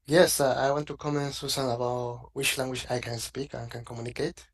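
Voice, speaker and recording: A man's voice: medium pitch, level tone, fairly quick. A man whose first language is Spanish, speaking English on a conference panel in simple, listing phrases.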